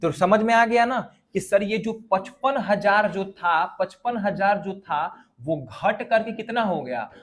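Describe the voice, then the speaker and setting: High-voiced man drilling a class. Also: animated, slow, few pauses, fairly bright tone. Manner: drills students by repeating lists aloud, quizzing them. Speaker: teacher. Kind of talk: exam revision lesson.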